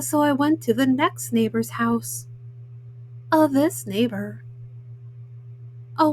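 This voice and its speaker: A woman voicing a folksy, self-justifying male wolf in a storybook, haltingly, with frequent uhs. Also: sits high, a little hiss or hum, poor audio. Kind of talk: storybook read-aloud in first person.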